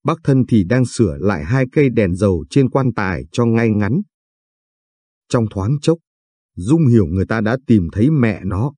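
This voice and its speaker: A man narrating a sad story in a slow, somber, scripted way. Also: fairly low pitch, animated, warm tone, husky, no room sound.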